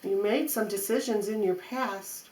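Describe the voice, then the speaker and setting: A woman's voice: mid-range voice, unhurried, a little mellow. A woman giving an off-the-cuff mystical tarot horoscope reading, repeating phrases in a coaxing, reassuring way. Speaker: tarot reader. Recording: roomy echo, faint background noise.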